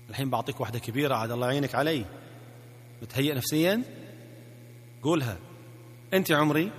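A marriage coach with a Gulf Arabic accent leads a recorded self-help lesson, playfully coaxing listeners to repeat phrases after him. His voice is medium-pitched, with a long reverb tail.

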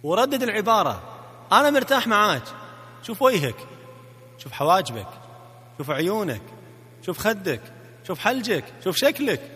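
Gulf Arabic male coach for a self-help tape, bright forceful delivery, coaxes listeners through repeat-after-me drills, hall reverb. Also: sits high, very animated, a little fast, long pauses. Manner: playful, coaxing, repeats phrases for the listener to echo. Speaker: marriage coach. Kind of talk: recorded self-help audio lesson.

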